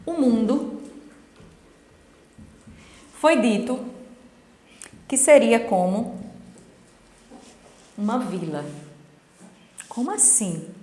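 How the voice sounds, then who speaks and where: Middle-aged woman teacher explaining stuff to her students, keeps asking if they're following, lots of room echo and a long reverb. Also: on the high side. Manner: didactic, checks in with tag questions. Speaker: English teacher. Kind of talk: explanatory video lesson.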